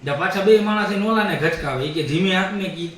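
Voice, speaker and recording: On a family vlog, a man with a high-pitched voice tells a story casually and a little fast, acting out what other people said. His retelling is animated and full of acted-out quotes. The room is very echoey and the mic sits far away.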